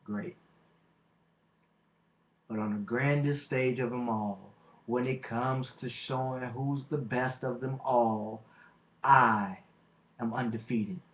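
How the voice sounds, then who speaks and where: A man delivering a boastful, taunting wrestling promo as a monologue, with deliberate dramatic pauses. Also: medium pitch, steady tone. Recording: dull lo-fi microphone recording.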